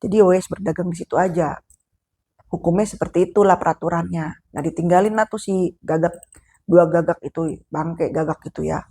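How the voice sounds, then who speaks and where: A woman's voice: fairly low pitch, fairly even intonation, fairly quick, mellow, husky. A woman with a Sundanese accent casually telling a horror story, chatty and addressing the listener directly as she goes.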